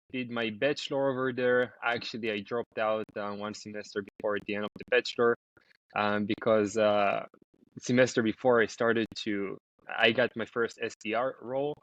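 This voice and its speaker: A young Israeli startup founder, guesting on a casual podcast interview, speaks loosely with lots of ums and restarts. His mid-range voice is a bit bright with no echo, captured in dry, slightly dull remote audio.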